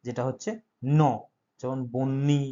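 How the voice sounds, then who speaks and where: A man's voice: medium pitch, flat delivery, measured pace, warm tone, highs cut off. A male teacher who explains an exam-prep grammar lesson step by step and keeps checking that his students follow.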